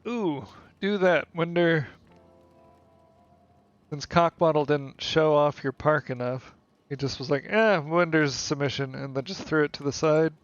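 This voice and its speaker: A man's voice: fairly high pitch, measured pace, no echo, lo-fi sound, faint music behind. A man live-streaming a building game, casually chatting with and teasing his viewers.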